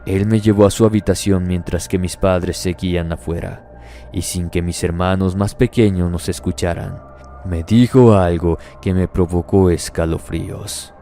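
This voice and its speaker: Male horror narrator, very low pitch, gravelly texture, steady measured scripted delivery, faint music underneath.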